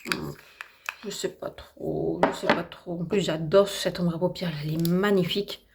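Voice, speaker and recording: A slightly hoarse woman with a French accent chatting casually and enthusiastically through a makeup tutorial at home, with lots of fillers. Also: on the low side, fairly even intonation, moderate pace, very noisy. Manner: chatty, enthusiastic, repeats herself with many fillers. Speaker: beauty vlogger. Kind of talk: casual get-ready-with-me makeup chat.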